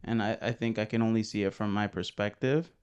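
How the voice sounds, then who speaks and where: A man's voice: lowish voice, fairly even intonation, brisk, a little mellow, smooth, muffled recording. A young man co-hosting a podcast, talking in a rambling, hesitant way with many fillers. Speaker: podcast co-host. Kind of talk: casual conversation.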